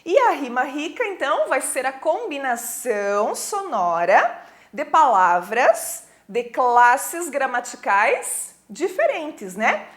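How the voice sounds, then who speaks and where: Her voice sits high and has a sing-song quality as she teaches a recorded class in Brazilian Portuguese. The Brazilian teacher explains with patience, checks in with students, and reads poems out loud at a slow pace.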